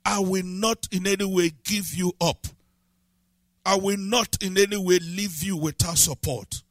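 A man preaching with a high, bright, ringing voice. His delivery has a sing-song cadence, and he builds to forceful shouted declarations. The recording is dry and close. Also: steady tone, a little slow, dry recording. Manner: preaching with rising shouted emphasis. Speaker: pastor. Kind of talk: sermon.

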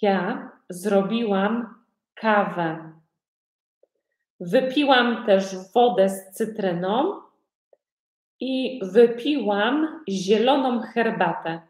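Woman teaching a lesson, talks super slow and repeats every question, roomy echo. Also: medium pitch, a little mellow. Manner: asks learners many simple repeated questions. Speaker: Polish language teacher. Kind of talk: slow repetitive language lesson. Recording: echoey room.

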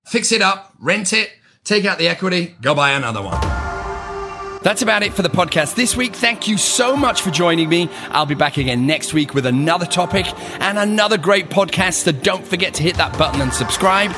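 A middle-aged man hosting a podcast as a real estate agent, giving advice in an emphatic, gushing sales pitch and stretching key words for stress. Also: lively intonation, brisk, music in the background. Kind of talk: solo podcast advice monologue.

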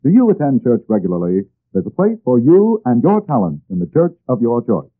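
A man in the style of an old radio announcer, reading a scripted sales pitch and addressing listeners directly like a salesman. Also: huge pitch swings, a little fast. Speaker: announcer reading sponsor ads. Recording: tinny, band-limited old radio recording.

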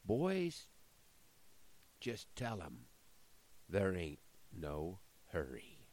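Man playing a slow-drawling, scheming Satan. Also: sits low, huge pitch swings, darkish tone, exaggerated voice. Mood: commanding, sly. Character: Satan, scheming, commanding boss of demon trainees. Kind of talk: recited cowboy-style poem.

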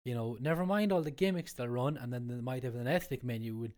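A man's voice: mid-range voice, quick pace, a little mellow. An Irish man with a Cork accent and a stuffy nose from a cold, explaining things in casual conversation, often repeating his points. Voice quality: congested, stuffy-nosed from a cold. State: has a cold. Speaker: cook and cookery class instructor, guest.

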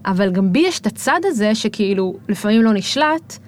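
Fast reflective woman on a podcast. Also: medium pitch, lively intonation, a little hiss or hum. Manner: reflective, talks fast with many fillers. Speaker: podcast guest. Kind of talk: casual podcast conversation.

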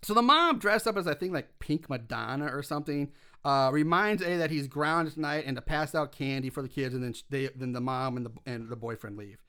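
Chatty man with a high bright voice. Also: a little fast, clear, resonant tone. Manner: chatty, laughs often, swears casually, many fillers. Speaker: podcast co-host recapping a movie. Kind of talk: casual movie recap chat.

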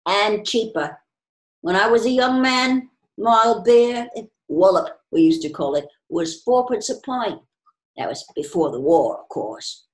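A stubborn old pub regular who grumbles about beer and the past, as a woman reader puts him on. He pushes his voice higher and louder than the narration, gruff and pugnacious. The recording has a roomy echo. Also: lively intonation, a little slow. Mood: grumbling.

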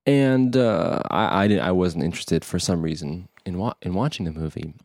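A man co-hosting a podcast in casual chat, thinking aloud in a halting way and repeating words. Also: low-pitched, gravelly, darkish tone, no echo, studio quality. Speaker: podcast co-host.

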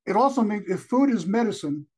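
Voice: mid-range voice, lively intonation, a little fast, dark tone, husky. A co-host on a podcast interview who cracks jokes and nods along with short fillers. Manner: joking, with short "mm-hmm" fillers. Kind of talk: casual interview talk.

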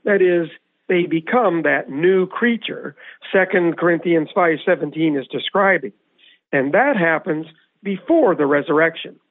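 A man's voice: a little high, animated, a little slow, dry recording. A man teaching the Bible on a radio program, explaining scripture in a methodical way and putting questions to his co-host. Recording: tinny, phone-like radio audio.

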